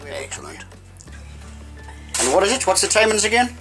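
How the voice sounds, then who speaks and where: In a casual home-kitchen chat, a middle-aged man jokes with his daughter and explains each step of the cooking. His high voice swoops wildly in pitch at a normal pace, with music running underneath.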